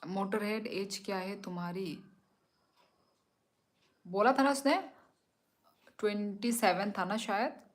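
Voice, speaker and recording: A woman's voice: mid-range voice, steady tone, slow, long pauses. A young woman hosting a live stream, chatting casually and teasingly with viewers as she reads their comments, laughing often. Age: young adult.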